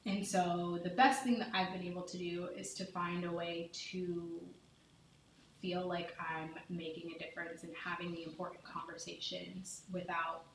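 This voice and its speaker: Earnest woman, low voice, echoey and distant. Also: level tone. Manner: earnest, deliberate, heartfelt. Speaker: podcast guest, mother. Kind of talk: candid conversation. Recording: echoey room, distant mic, faint background noise.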